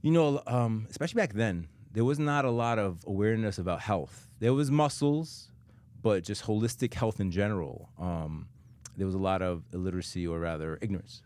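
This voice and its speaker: A man in his forties hosting a casual interview in an easygoing way, with lots of fillers and quick agreements. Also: lowish voice, darkish tone, no echo. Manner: easygoing, with frequent "right, right" and fillers. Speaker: podcast host.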